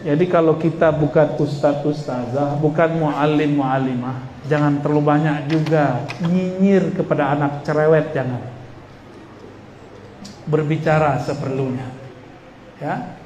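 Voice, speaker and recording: A man preaching to a live audience in a somewhat high voice, chatty and teasing, often putting questions to the crowd. His voice rings through a big echoey hall with a long reverb tail. A faint murmur of room sound stays underneath. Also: fairly even intonation, a little slow, darkish tone, highs cut off, slight background noise. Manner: conversational, questions and jokes with the audience. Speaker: Islamic preacher. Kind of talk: religious lecture to a live audience.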